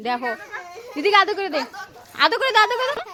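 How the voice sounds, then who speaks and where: A woman filming a casual family vlog, talking with her kids in an animated, playfully scolding way. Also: very high-pitched, fast, crowd noise. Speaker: family vlogger and mother.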